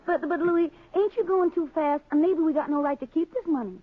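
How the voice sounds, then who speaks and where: High-voiced naive wife, tinny old radio. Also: female voice, brisk, over a noisy crowd, heavy background noise. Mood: doubtful, worried. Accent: American. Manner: hesitant, questioning, folksy grammar. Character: naive, anxious, plain-spoken working-class young wife. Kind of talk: old-time radio drama acting.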